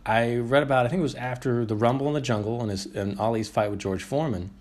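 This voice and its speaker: A man's voice: mid-range voice, quick pace, darkish tone. A man hosting a podcast, sharing his research in a casual, thoughtful way. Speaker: podcast host. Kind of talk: casual chat.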